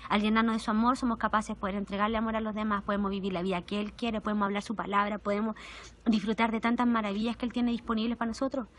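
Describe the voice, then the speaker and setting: A young adult woman with a Chilean Spanish accent, preaching an intimate, emotional testimonial sermon that moves between soft and animated moments. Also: mid-range voice, very fast.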